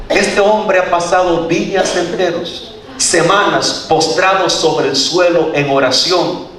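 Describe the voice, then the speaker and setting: A man's voice: a little high, fairly bright tone, slight background noise. A man preaching a sermon, telling a story with acted voices and frequent laughter. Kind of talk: sermon testimony. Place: church hall. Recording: echoey hall, voice from far off.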